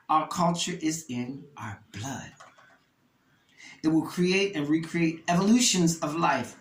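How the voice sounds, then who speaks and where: A man's voice: a little high, a bit bright. A man from Delaware hosting a show, giving an impassioned monologue with emphatic, preacher-like rises and repeated phrases. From Delaware, USA. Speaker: host. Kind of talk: passionate monologue. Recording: roomy echo, faint ambient noise.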